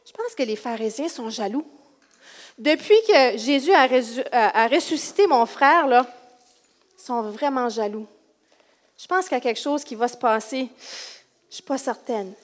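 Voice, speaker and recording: A woman with a Quebec French accent playing an excited woman eyewitness in a cheering crowd, calling out to children. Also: a little high, moderate pace, pauses often, natural voice. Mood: worried. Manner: breathless, shouting to a crowd of children. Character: excited woman eyewitness in the crowd, sister of a man raised from the dead.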